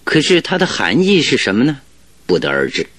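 An actor playing Sherlock Holmes as a composed, analytical detective in a radio drama, speaking deliberately and with authority. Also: male voice, medium pitch, huge pitch swings, a bit bright, heavily acted. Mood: thoughtful, assured. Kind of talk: Mandarin radio drama acting.

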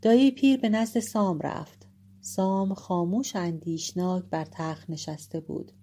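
A woman narrating an epic tale in a measured, dramatic storytelling manner. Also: lowish voice, dark tone. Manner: measured, dramatic, shifting pace for suspense.

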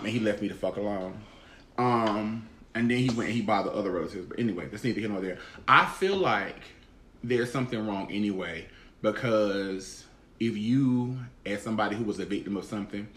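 A man's voice: fairly low pitch, fairly bright tone. A man in his thirties hosting a casual podcast roundtable, blunt and emphatic, swearing freely. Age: 30s. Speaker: podcast host. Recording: echoey room with faint noise.

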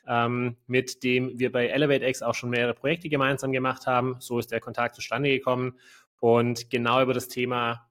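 A man's voice: mid-range voice, a bit bright. Male podcast host, mid-range voice, chatty and loose, filler-heavy questions. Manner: rambling questions with many fillers. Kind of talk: interview podcast hosting.

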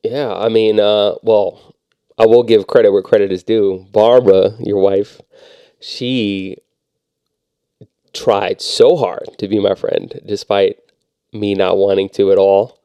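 A man's voice: lowish voice, level tone, takes it slowly, warm tone, clean tone, dry recording, dull audio. A man in his thirties co-hosting a podcast in casual chat, laid-back and dryly self-mocking. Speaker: podcast co-host.

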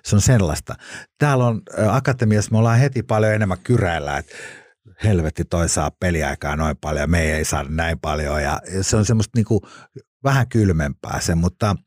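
A man's voice: low voice, darkish tone, no room sound, clean studio sound. A middle-aged man, a former criminal, telling his stories as an interview guest in blunt, colloquial speech with free swearing. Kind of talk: casual interview storytelling.

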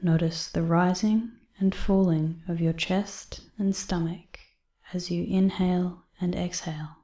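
A woman reading a guided breathing exercise in a soft, calm voice that often drops to a half-whisper. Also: lowish voice, a little slow, roomy sound. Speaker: meditation guide.

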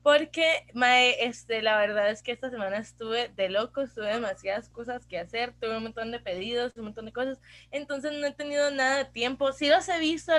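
A young Costa Rican woman chatting on a podcast with a fairly high voice. She tells long, lively stories full of slang and switches into English phrases mid-sentence. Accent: Costa Rican Spanish. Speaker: podcast co-host. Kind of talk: casual chat.

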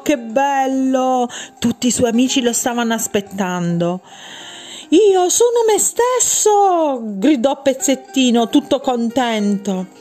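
A woman reading a picture book aloud to children, slow and expressive, stretching her words. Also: mid-range voice. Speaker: storyteller for children.

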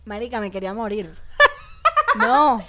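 A woman co-hosting a casual chat, telling candid stories in an animated way. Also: mid-range voice, measured pace, crowd noise. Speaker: podcast co-host.

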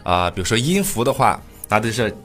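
Patient low-voiced male pronunciation teacher. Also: big pitch swings, a bit bright, faint music behind. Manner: patient, repeats example phrases slowly. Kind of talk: casual podcast lesson.

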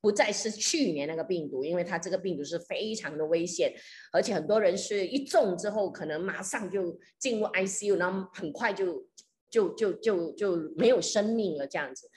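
A woman's voice: on the low side, normal speed. A woman pastor preaching and telling a story in a conversational way, with many fillers and some English phrases mixed in. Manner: frequent hesitation fillers. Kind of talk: sermon with storytelling.

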